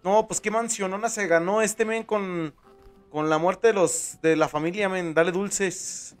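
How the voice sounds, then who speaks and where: Joking Mexican streamer, slightly high voice. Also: male voice, fairly even intonation, a little slow, soft background music. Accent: Mexican Spanish. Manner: joking, slangy, tags lines with "men". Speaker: streamer playing a horror game. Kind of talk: casual gameplay commentary.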